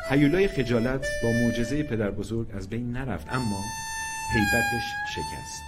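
A man reading a short story aloud in a dramatic, expressive narration. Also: mid-range voice, loud music behind the voice. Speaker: story reader. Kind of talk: scripted narration.

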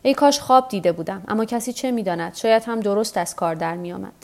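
A woman's voice: medium pitch, darkish tone, natural voice. A woman reading the part of a weary, stubborn old fisherman who talks to himself. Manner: talks to himself, tired and rueful.

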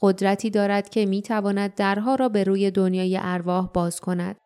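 Woman, audiobook narration, calm measured reading, mellow warm tone, mid pitch. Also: clear, resonant tone, faint music behind. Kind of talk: scripted narration.

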